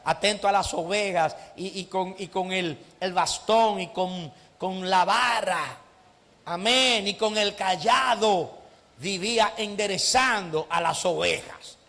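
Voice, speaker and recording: Male pastor, high bright voice, shouting sermon, church hall reverb. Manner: preaches with rising shouts and frequent "amén" and "gloria a Dios". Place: church sanctuary.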